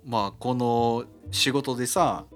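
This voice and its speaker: A man co-hosting a casual radio show with a Kansai accent, animated and laughing often, using lots of sound words. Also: mid-range voice, takes it slowly, soft background music. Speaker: radio co-host. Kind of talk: casual chat.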